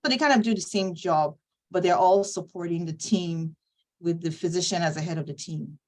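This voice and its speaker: A woman talks casually as a guest, explaining her work with plenty of "you know" fillers. Her tone is relaxed and conversational throughout. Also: fairly low pitch, moderate pace, far from the mic. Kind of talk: casual video call chat.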